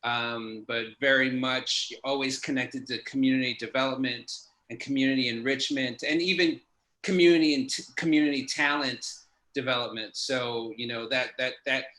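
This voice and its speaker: A thoughtful man talks as an interview guest in a bright, forceful voice. His words come over a video call from a room with a noticeable echo. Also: mid-range voice, steady tone, moderate pace. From New York. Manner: thoughtful, many fillers and restarts. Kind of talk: casual interview talk. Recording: echoey room.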